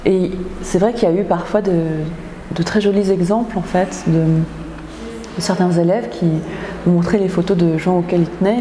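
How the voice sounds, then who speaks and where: A woman from France, an author, speaking thoughtfully in an interview, pausing often with filler sounds. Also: fairly low pitch, noisy background. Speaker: author in residence. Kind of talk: reflective interview talk. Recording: echoey hall with faint ambience.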